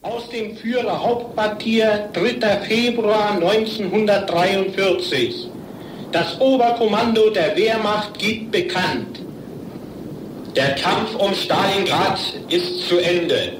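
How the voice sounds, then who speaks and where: Slow solemn man in old radio broadcast. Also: sits high. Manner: solemn, measured delivery. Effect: old 1940s radio broadcast recording. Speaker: military report newsreader. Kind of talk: formal official announcement. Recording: noisy, echoey archival radio recording.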